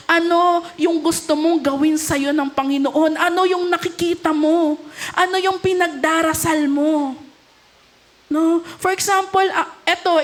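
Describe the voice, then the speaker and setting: A young woman with a Filipino accent preaching a sermon, lively, often asking the congregation questions and joking with them. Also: high-pitched. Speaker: youth leader preaching at a cell celebration. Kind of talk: sermon in Taglish.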